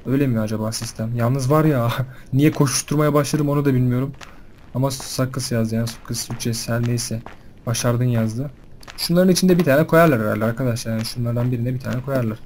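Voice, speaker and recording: A young man giving casual commentary on a horror game, chatting to his viewers and panicking loudly when scared. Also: mid-range voice, brisk, a little hiss or hum. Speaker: gaming video host.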